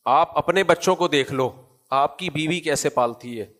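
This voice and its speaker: A man with a fairly high, fairly bright voice and a Pakistani Urdu accent delivers a Quran commentary lecture as a preacher. He poses rhetorical questions and answers them himself, slipping in asides where he acts out casual scolding.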